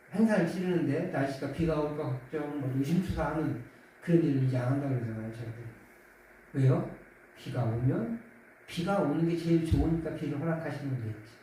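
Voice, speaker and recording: Lively pastor preaching in an echoey hall. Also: male voice, a little hiss or hum. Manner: conversational preaching, acts out quoted voices with rising pitch. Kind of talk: sermon. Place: church sanctuary. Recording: echoey church hall from far off.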